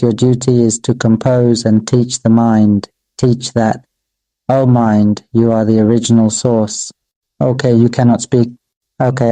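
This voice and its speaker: A man, a Buddhist monk, delivering a dharma sermon in slow, measured, repetitive phrases and addressing his own voice directly. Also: mid-range voice, dark tone, no echo, poor audio.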